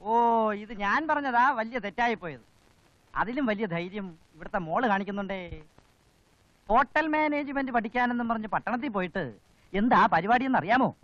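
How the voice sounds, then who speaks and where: A gossiping servant slyly tells tales to his boss. His voice runs high. The audio is dry and slightly dull. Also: animated, brisk, a bit bright, dry recording. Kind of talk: film comedy.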